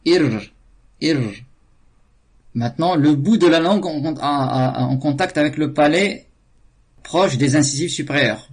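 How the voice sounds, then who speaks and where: A man teaching Arabic letter sounds, talking slowly, with many hesitations and repeated syllables. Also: a little high, husky. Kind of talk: pronunciation lesson.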